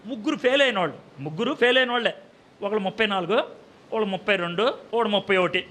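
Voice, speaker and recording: A man's voice: sits high, racing, bright, forceful tone. A man preaching a sermon in speech, often putting questions to the audience and answering them himself. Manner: acts out short voices for a story with humor.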